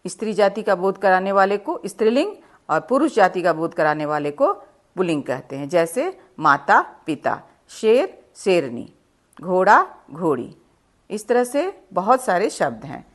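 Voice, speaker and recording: A woman's voice: fairly low pitch, sing-song. Hindi teacher woman, patient and explanatory. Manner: patient, explaining step by step with examples; reads example sentences slowly and deliberately. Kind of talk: online grammar lesson.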